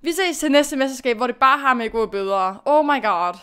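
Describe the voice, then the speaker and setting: A young woman with a high, smooth, clear voice narrates her own gameplay in a chatty, self-directed way. She pushes herself to focus, scolds her own mistakes and praises her own good moves. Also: animated, fairly bright tone. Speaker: gaming youtuber. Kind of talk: casual gameplay commentary.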